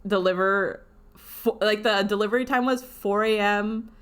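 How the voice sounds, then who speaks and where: A woman's voice: mid-range voice, measured pace, smooth. Talky woman podcast co-host. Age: 30s. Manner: animated, talky, lots of "like". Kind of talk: casual chat.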